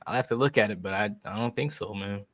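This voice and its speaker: Lowish, close-miked teasing frat-bro man. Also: quick pace, fairly bright tone, no echo. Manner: frat-bro teasing, slangy, dry jabs. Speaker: podcast co-host. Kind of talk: casual sports banter.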